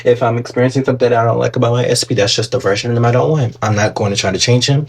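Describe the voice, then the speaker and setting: A man's voice: medium pitch, fairly even intonation, racing. A man giving casual manifestation advice on a live stream, reading viewer comments aloud and answering them in a chatty way full of fillers, into a phone.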